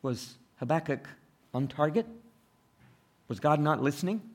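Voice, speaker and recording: A man preaching a sermon, asking the listeners rhetorical questions, rising loud on quoted laments and falling soft and low in between, with small chuckles. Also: animated, unhurried.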